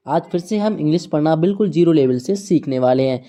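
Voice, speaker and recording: A woman teaching English words to students, speaking slowly and repeating each word, spelling them out letter by letter and asking questions she answers herself. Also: low voice, expressive, mellow. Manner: slow, repetitive teaching, frequent checks and questions to students. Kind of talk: online language lesson.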